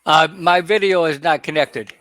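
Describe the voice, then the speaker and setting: A man speaking as a guest over a video call, explaining in a halting way with many fillers and restarts. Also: a little high, a bit bright, no echo. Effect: heard over a video call. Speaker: guest presenter. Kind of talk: casual explanation on a webinar.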